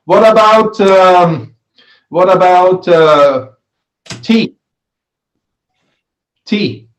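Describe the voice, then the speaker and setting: A man leads a religious class in a high-pitched voice. He keeps putting questions to his listeners and repeats key phrases for emphasis. The room around him is audibly echoey. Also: drawn-out words. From Switzerland. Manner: questioning, repeats phrases, adds "right?" often. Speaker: Islamic studies teacher. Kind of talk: interactive religious lesson with question and answer. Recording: roomy, echoey sound.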